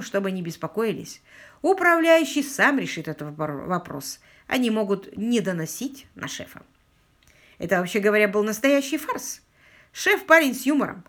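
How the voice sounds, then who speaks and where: A woman's voice: mid-range voice, fairly bright tone, lightly acted. A woman reading the lines of a composed middle-aged male journalist in an audiobook, in a dry, matter-of-fact manner.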